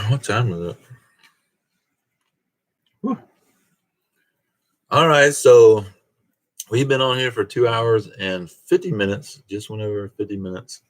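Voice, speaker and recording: A man's voice: lowish voice, takes it slowly, long pauses. A man hosting a casual live stream, reading viewer comments aloud and chuckling in a laid-back way. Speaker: host of a car channel live stream.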